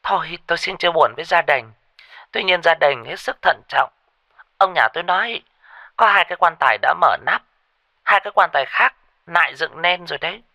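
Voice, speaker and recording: A man voicing a frantic middle-aged woman, the wife of a sorcerer, giving urgent high-pitched warnings in a ghost story. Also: lively intonation, brisk, vocal fry, sharp tone, no echo, heavily acted.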